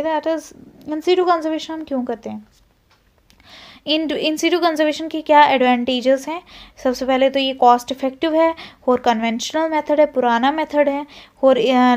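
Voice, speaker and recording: A high-pitched woman walks students through an exam-prep lecture. She switches between Hindi and English, pauses on fillers and corrects herself, and repeats key terms to drive them home. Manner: repeats terms while explaining. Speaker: teacher.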